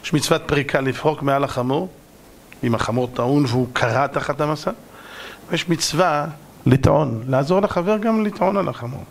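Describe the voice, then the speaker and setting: A man, a rabbi, giving a dramatic sermon to an audience, acting out parables and sometimes shouting. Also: on the high side, creaky. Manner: dramatic, acts out parables in many voices.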